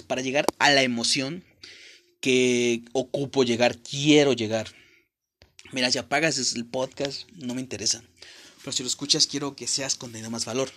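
A man's voice: mid-range voice, fairly bright tone. Casting: young Mexican man, Mexican accent, podcast host, crude and blunt motivational monologue, mid-range voice. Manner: blunt and profane, talks straight to the listener.

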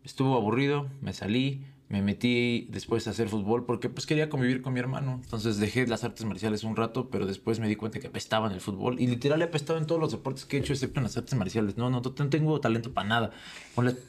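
A man's voice: mid-range voice, fast talker. A young man with a Mexican accent, a podcast guest telling stories in a joking, slangy way. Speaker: guest, jiu-jitsu instructor. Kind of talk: casual chat.

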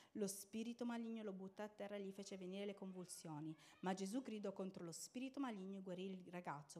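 A woman preaching a sermon with passion, dropping to hushed, slow phrases and then rising to loud, fervent cries. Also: mid-range voice. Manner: impassioned, swinging from hushed to loud.

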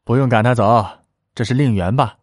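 A man voicing a young, powerful high official who speaks in a relaxed, genial way. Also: brisk, no room sound, studio quality, close to an everyday voice.

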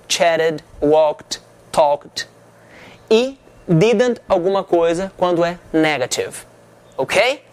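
Slow, deliberate male teacher. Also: high voice. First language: Portuguese. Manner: slow, deliberate, repeats each example and translates it. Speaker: English teacher. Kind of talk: language lesson to camera.

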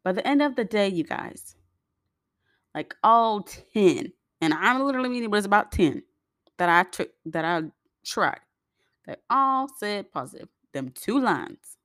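A woman's voice: medium pitch, sing-song, a little slow, fairly bright tone, no room sound, clean studio sound. Chatty young woman telling a story. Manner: chatty, talks straight to viewers, many fillers. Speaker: vlogger. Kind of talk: storytime vlog.

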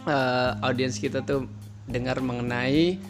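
A man's voice: mid-range voice, fairly even intonation, takes it slowly, music in the background. A man from Central Java hosting a casual podcast chat, joking and asking questions with lots of fillers. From Central Java, Indonesia. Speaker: podcast host.

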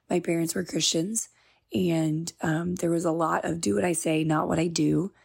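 Woman in her thirties, podcast host, hoarse and gravelly, low-pitched, confiding tone. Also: a little mellow. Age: 30s. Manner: earnest, confiding. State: hoarse from illness. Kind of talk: personal storytelling.

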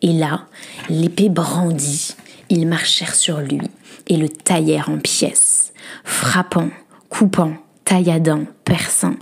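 A woman host reading a dark fairy tale aloud in a soft, breathy, often whispered storytelling voice. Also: sits low. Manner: hushed, dramatic.

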